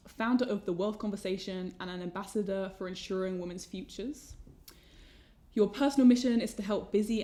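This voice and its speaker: A woman hosting an interview podcast in casual chat, friendly and filling pauses with "um". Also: medium pitch, mellow. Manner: friendly, many "um" fillers. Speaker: podcast host.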